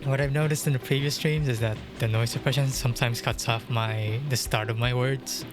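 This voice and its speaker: Brisk and fairly even in intonation, a young male streamer of medium pitch chats casually while gaming on a livestream. He rambles with plenty of fillers and chuckles often, speaking into a dynamic mic at home with game music in the background.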